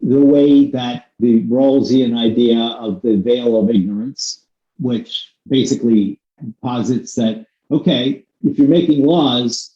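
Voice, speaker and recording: A man hosting a podcast interview, talking in long, discursive turns with swings of emphasis. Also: medium pitch. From United States. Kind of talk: conversational interview. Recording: echoey room, slightly dull sound.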